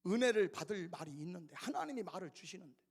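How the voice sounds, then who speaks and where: A male pastor preaching an expository sermon, acting out quoted voices, swinging between shouts and whispers. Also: high voice, lively intonation, fast, slightly rough. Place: church sanctuary. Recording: reverberant church sanctuary.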